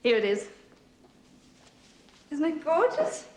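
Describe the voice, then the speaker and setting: An actress playing a breezy, smooth-talking, needling saleswoman in a television drama. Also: high voice, big pitch swings, takes it slowly, exaggerated voice. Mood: coaxing. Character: breezy, needling woman in a fashion shop. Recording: roomy sound with faint noise.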